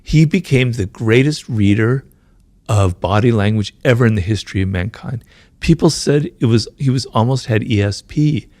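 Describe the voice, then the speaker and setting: A man answering interview questions, explaining at length, talks fast and keeps checking in with "right?" and "you know". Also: mid-range voice, a little mellow, dry recording. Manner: talks fast, says his mind races. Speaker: author being interviewed.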